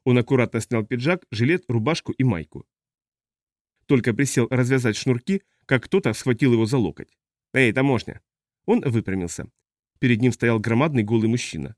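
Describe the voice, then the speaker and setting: A man's voice: medium pitch, animated, fairly quick, darkish tone, dry recording, clean studio sound. Man narrating an audiobook. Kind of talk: scripted narration.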